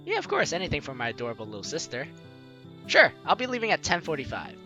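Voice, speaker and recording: Hosting a let's play, this young man reads a visual novel aloud and comments on it over game music, his voice on the high side. He talks fast with wildly swooping pitch, reacting in a playful, theatrical, joking way.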